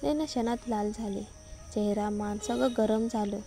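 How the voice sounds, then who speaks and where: A woman narrating a written story in a steady, even storytelling manner. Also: medium pitch, moderate pace, faint music behind.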